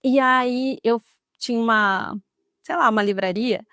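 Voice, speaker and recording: A woman's voice: a little high, unhurried, clear, resonant tone, dry recording, studio quality. A young woman telling a personal story to camera in a dramatic, emotional way. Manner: dramatic, emotional retelling with lively quoted speech. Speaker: vlogger.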